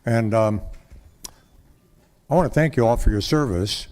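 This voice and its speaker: A man's voice: medium pitch, measured pace, darkish tone. Older man, folksy rambling speaker at a council lectern mic. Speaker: public commenter at council meeting. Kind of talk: public comment speech.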